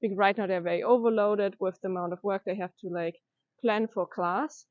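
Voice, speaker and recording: A young woman from Germany answers interview questions, thinking aloud with pauses and restarts. Her voice sits at a middle pitch. The recording is dry and a little muffled. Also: fairly even intonation, no echo. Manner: thoughtful, hesitant, with many fillers and restarts. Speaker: interviewee, education data science master's student.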